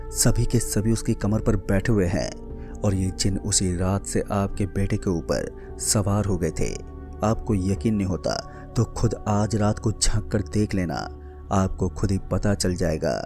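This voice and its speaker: A man narrating a scripted horror story in a steady, measured way. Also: deep voice.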